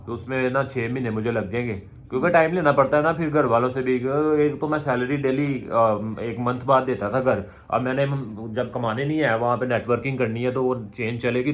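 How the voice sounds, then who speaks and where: A man's voice: mid-range voice, slight background noise. A young man telling a long personal story in a casual, rambling way, often correcting himself. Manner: rambling, self-correcting narration. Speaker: vlog guest telling his story.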